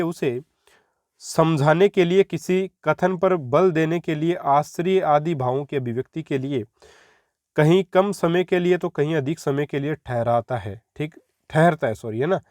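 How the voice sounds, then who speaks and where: A man's voice: a little high, darkish tone, no room sound. Young man teaching Hindi grammar. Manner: explanatory, repeats points and addresses students as friends. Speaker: exam-prep teacher. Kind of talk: Hindi grammar lesson for exam candidates.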